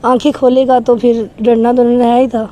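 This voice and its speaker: A woman with a high, soft, mellow voice tells her own story in an interview. Her voice trembles, and she speaks in an earnest, emotional way. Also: flat delivery, slight background noise. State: trembling voice, shaken. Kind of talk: recounting a personal experience in an interview.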